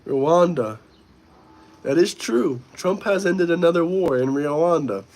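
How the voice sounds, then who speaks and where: A young livestream host who's slightly sick answers viewer comments in a casual, blunt manner. His voice leans high and a little mellow, and he takes his time.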